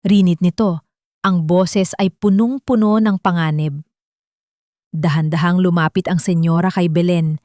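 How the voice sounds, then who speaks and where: A woman narrates an audio drama in a dramatic, scripted style, her pitch medium for a woman and her tone darkish. The recording is very dry, with almost no room sound.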